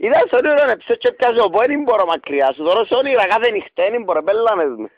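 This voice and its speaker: A man's voice: high voice, animated, no room sound. A man with a Cypriot Greek accent making a radio prank phone call, pleading and rambling theatrically with cooing pet names. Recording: dull radio recording.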